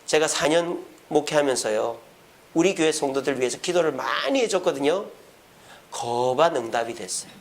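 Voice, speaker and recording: A man's voice: a little high, moderate pace. A man preaching as a pastor at a church prayer service, posing questions to the congregation and answering them himself. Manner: acts out quoted speech in lively voices. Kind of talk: sermon.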